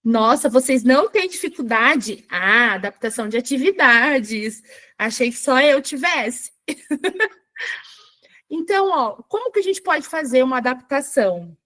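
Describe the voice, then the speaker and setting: Brazilian teacher lady doing a live workshop, kinda high voice, keeps asking if everyone's following. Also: expressive, pushed and bright. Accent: Brazilian Portuguese. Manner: chatty, talks to viewers and checks on them; reads screen text slowly aloud. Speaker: teacher trainer.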